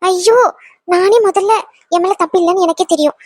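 A woman voicing a gentle young daughter-in-law who asks her elders not to apologise. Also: very high voice, steady tone, a little fast, no echo, clean studio sound. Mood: emotional.

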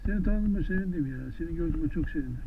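A man talking gently to horses in an outdoor pasture, coaxing them with affectionate, repeated questions. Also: fairly high pitch, animated, very fast. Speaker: vlogger visiting wild horses. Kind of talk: casual talk to animals. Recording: tinny lo-fi phone-like sound, faint noise.

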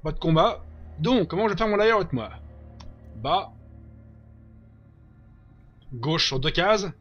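A man hosting a let's play, giving casual gameplay commentary, reacting loudly, joking and swearing at the game. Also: fairly high pitch, big pitch swings, slow, highs cut off, soft background music.

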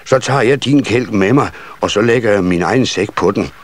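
A man's voice: on the low side, close to an everyday voice. A man reading a children's story and voicing a jolly, coaxing Father Christmas.

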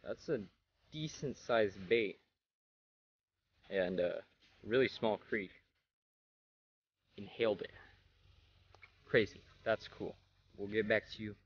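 His voice is lowish and husky, slow and full of pauses, and the recording is muffled. A teenager by a small creek films himself at arm's length on his phone, giving casual, meandering commentary on his fishing trip and hedging often with "I don't know."

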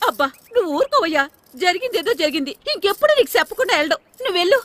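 An actress playing a village mother who pleads with and calms her angry husband. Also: very high-pitched, rapid-fire, no room sound, full character voice. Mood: soothing. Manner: pleading, calming.

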